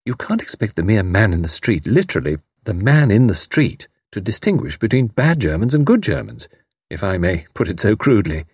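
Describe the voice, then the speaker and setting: A man voicing a chatty middle-aged Englishwoman with a crisp, twittering, compelling way of talking. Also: lowish voice, big pitch swings, a little fast, a little mellow, dry recording, studio quality, exaggerated voice. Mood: brisk.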